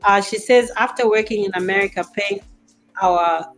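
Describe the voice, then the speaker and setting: A woman's voice: mid-range voice, moderate pace, fairly bright tone, soft background music, rough recording. A woman in her fifties hosting a casual panel talk show, making her points emphatically and repeating them for stress. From Zambia. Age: 50s.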